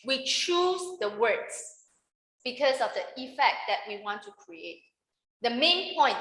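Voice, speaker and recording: A woman presents a workshop lesson, speaking slowly and asking her audience for agreement as she goes. Her voice is high, bright and lively in pitch. She is recorded in an echoey club meeting room. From Malaysia. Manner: checks in with the audience often.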